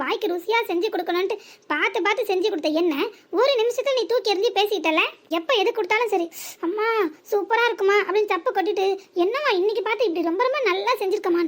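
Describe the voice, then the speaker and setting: A woman voicing a sharp-tongued elderly village mother-in-law in a cartoon comedy, with a southern Tamil Nadu dialect and a nagging, rapid, sing-song complaint. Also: extremely high pitch.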